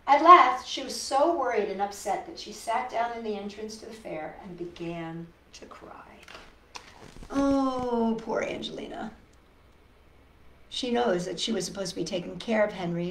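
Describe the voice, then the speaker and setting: With a mid-range, fairly bright voice at normal speed, a woman hosts storytime, reading a picture book expressively and turning to young viewers with coaxing, sympathetic remarks. The recording has an echoey room sound and faint background noise.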